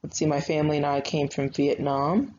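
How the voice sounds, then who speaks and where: A woman's voice: low-pitched, fairly even intonation, fairly quick, darkish tone. A young woman writing instructor giving a recorded online grammar lesson, talking patiently and conversationally with frequent fillers. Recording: slightly dull lo-fi sound with faint noise.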